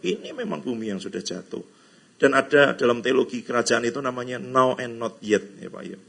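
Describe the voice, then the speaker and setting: A man's voice: medium pitch, animated, fast talker, gravelly, a bit bright, slightly rough. A middle-aged man from Indonesia, a pastor giving a chatty, teasing sermon to a church gathering, slipping into English phrases and playful quoted voices. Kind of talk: conversational sermon. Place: church hall.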